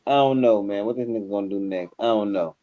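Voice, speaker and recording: Chill guy on a podcast, mellow voice, muffled lo-fi sound. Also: lowish voice, quick pace. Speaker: podcast co-host. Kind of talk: casual chat. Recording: dull, lo-fi sound.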